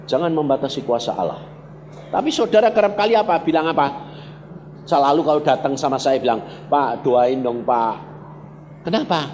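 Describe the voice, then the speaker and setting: A man preaching a sermon as pastor, telling stories animatedly and asking the congregation questions. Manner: animated storyteller with wide pitch swings, asks the congregation questions. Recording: reverberant church hall, faint background noise.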